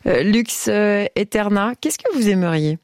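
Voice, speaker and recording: A woman with an expressive, medium-pitched, darkish voice runs a late-night radio phone-in at a measured pace. She banters playfully with a caller, laughs a lot and stumbles hesitantly over song titles. The sound is dry and studio quality.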